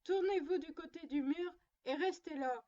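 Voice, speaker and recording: A woman's voice: very high voice, normal speed, mellow, highs cut off. Woman playing prim little girl scolding. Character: little girl sternly playing mother to her doll. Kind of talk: storybook reading.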